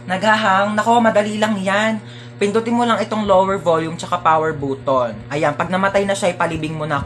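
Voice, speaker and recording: A woman performing comic skits, playful and swinging between soft asides and loud outbursts. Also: mid-range voice. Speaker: comedy skit creator. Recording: music playing behind. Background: music.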